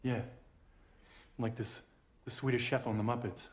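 An actor playing an officer who makes mocking, jokey asides while watching an interrogation. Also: male voice, medium pitch, flat delivery, moderate pace, natural voice.

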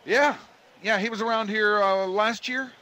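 A man's voice: sits high, fairly even intonation, moderate pace, sharp tone, poor audio. A male radio host, easygoing and mock-serious, recorded amid crowd noise. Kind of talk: casual radio chat.

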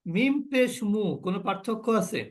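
A man's voice: high voice, animated, brisk. A man teaching a class on the pronunciation of Arabic letters, drilling sounds and asking his students questions. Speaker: Quran recitation teacher. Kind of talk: online class lesson.

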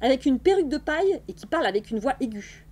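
A woman's voice: sits high, big pitch swings, quick pace, a little mellow. A woman voicing a stern, scornful old witch who speaks bluntly and curtly. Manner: blunt, curt.

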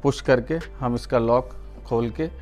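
A slightly slow, darkish, medium-pitched voice with fairly even intonation belongs to an Indian man hosting a product unboxing, with faint music behind him. As the channel's reviewer, he demonstrates step by step, repeats himself often, and speaks to his audience in a friendly, familiar way.

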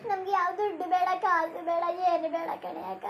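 A clingy, regretful younger sister-in-law sobs and pleads in a cartoon, as a woman voices her. Her voice is pitched very high and keeps catching on tears. A faint hiss sits behind it. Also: little pitch movement, fairly quick, creaky, lo-fi sound. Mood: tearful pleading. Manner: pleading, sobbing. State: crying. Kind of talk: cartoon voice acting.

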